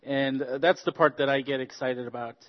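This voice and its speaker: A man tells personal stories at a church workshop, filling pauses with ums and uhs. His voice sits at a middle pitch and rings out with a long hall echo. The recording is dull and lo-fi. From Zambia. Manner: relaxed, anecdotal, frequent ums and uhs. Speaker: workshop speaker. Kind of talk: storytelling talk at a church workshop.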